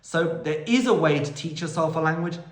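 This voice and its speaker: His voice is a little high and fairly quick. The speaker is a polyglot vlogger and language school owner from the United Kingdom in his thirties, giving a casual Q&A monologue on learning languages with enthusiasm and plenty of tangents, in an echoey room.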